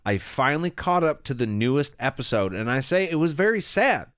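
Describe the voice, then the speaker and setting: A man's voice: mid-range voice, brisk, clean tone, no room sound, studio quality. A young man co-hosting a podcast, chatting casually, laughing often and reading out a listener email. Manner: laughing, animated storyteller. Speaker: podcast co-host.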